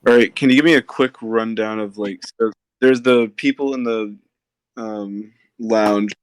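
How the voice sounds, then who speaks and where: A man's voice: on the low side, steady tone, unhurried, smooth, dry recording, rough recording. A man playing a tabletop role-playing game, hesitant, asking questions and rewording himself. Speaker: player.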